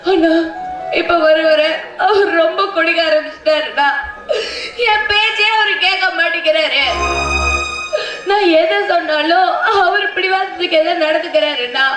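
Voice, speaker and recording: A tearful, devoted young wife, played by a woman in a stage drama, pleading in a very high voice. The stage echoes. Music and a crowd sound behind her. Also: normal speed, a bit bright. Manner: pleading, tearful, fiery when threatened.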